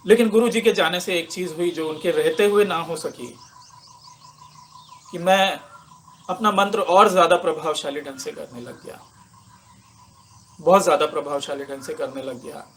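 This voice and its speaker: A man giving a personal spiritual testimony as a meditation teacher, speaking slowly and reflectively with many pauses, moved to tears at times. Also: a little high, fairly even intonation, fairly bright tone, a little hiss or hum. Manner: slow, reflective and emotional, with many pauses and fillers.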